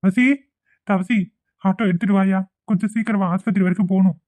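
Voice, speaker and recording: A woman voicing a middle-aged man in a cartoon, who talks fast and reassures. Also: mid-range voice, fairly even intonation, darkish tone, no echo, natural voice. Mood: hurried. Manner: reassuring, quick talking. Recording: dull, dry home recording.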